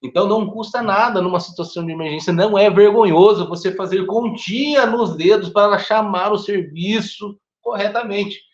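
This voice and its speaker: A man with a Brazilian Portuguese accent leads a first aid lesson in an animated, chatty way, his voice sitting a little high. He keeps checking in with his listeners. The sound is dull and lo-fi, with a roomy echo. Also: normal speed, few pauses. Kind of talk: online teacher training lecture. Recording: echoey room, dull lo-fi sound.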